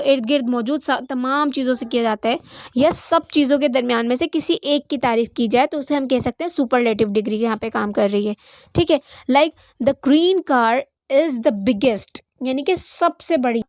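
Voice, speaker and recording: Woman grammar teacher, high voice, dry close sound, Hindi-Urdu with English terms. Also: no echo, low-quality recording. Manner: explains in Hindi-Urdu mixed with English, says "theek hai" often. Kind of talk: online grammar lesson.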